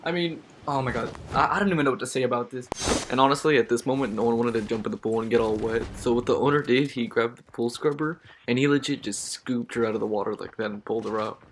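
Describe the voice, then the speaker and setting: A man's voice: mid-range voice, quick pace, slight background noise. A young man casually telling a storytime tale as a vlogger, slangy and emphatic, with stammering restarts.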